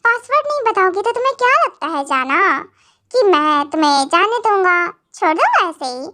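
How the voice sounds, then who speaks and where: Fan-drama role: a teasing, possessive young man , read by a woman, high lively voice. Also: moderate pace, exaggerated voice. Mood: taunting. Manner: teasing, taunting. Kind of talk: fan audio drama acting.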